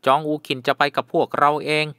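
A male narrator voicing a stubborn, wary head porter who speaks loudly and slowly. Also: on the high side, completely flat delivery, no echo, studio quality, pitched above the performer's own voice. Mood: insistent.

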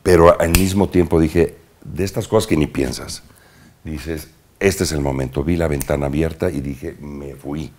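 Very deep-voiced Mexican man telling stories. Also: moderate pace, a little hiss or hum. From Mexico, Veracruz. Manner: animated anecdotes with sound words and slang. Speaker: actor, interview guest. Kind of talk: casual interview storytelling.

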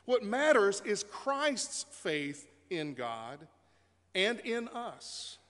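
A man's voice: high voice, big pitch swings, drawn-out words, fairly bright tone. A man preaching a sermon as pastor in a church sanctuary, telling stories in a conversational way with occasional fillers. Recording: long reverb of a church sanctuary.

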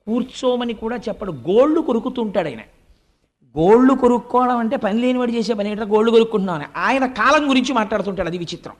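A man giving a religious discourse, preaching with rhetorical questions and slow, drawn-out emphatic lists. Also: very high-pitched. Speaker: spiritual discourse speaker. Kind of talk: Telugu religious discourse on the Bhagavatam.

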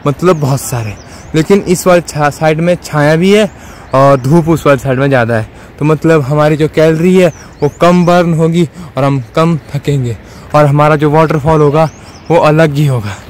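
Walking a forested mountain trail outdoors, a twenty-something travel vlogger talks casually to the camera on a phone held at arm's length. He speaks at normal speed in a slightly high, somewhat mellow voice, and there's a touch of hiss or hum.

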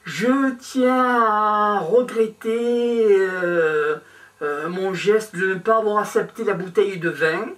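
An older man from Provence presenting his handmade nativity crib to camera in a small room, talking in slow halting phrases full of pauses and fillers. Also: high-pitched, fairly bright tone, recorded from a distance. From Provence, France. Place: small indoor room with a decorated table. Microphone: clip-on lapel mic.

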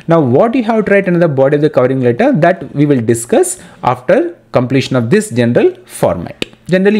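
A man walks students through an exam-prep lesson, explaining each step and repeating the key points. His pitch sits a little high and swings widely as he stresses words. He speaks directly to his listeners while moving through slides. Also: a little mellow. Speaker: English teacher.

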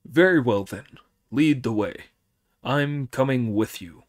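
A man voicing a wily monkey king who poses as an old demon king, in a slow, sly, mock-grave manner. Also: mid-range voice, expressive.

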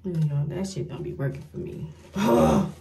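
A young beauty vlogger films a casual get-ready-with-me video, talking straight to her viewers and sounding frustrated and self-mocking as she struggles. Her voice sits low and is gravelly yet mellow with a sing-song lilt, delivered at a measured pace over a slight hiss or hum.

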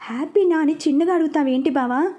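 A woman's voice: high-pitched, fast, dark tone, close to an everyday voice. A woman voicing an affectionate young bride thanking her new husband in a read-aloud story. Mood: tender.

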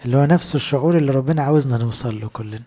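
A man's voice: mid-range voice, racing, warm tone, husky. A man with an Egyptian accent preaching a sermon in a conversational way, full of rhetorical questions. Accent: Egyptian Arabic.

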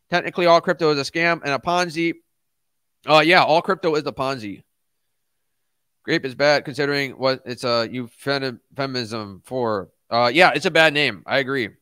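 A man's voice: fairly high pitch, bright, forceful tone, smooth, no echo. A middle-aged man hosting a casual livestream, speaking bluntly and emphatically with slangy asides into a close microphone. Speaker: livestream host, crypto YouTuber. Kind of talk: casual livestream rant, reading and answering chat. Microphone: close studio microphone.

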